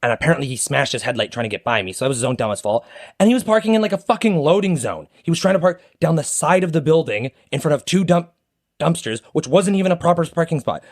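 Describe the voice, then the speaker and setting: A man's voice: fairly high pitch, animated, fast talker. A man telling a rambling story on a casual podcast, full of fillers and quoted dialogue. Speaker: podcast co-host.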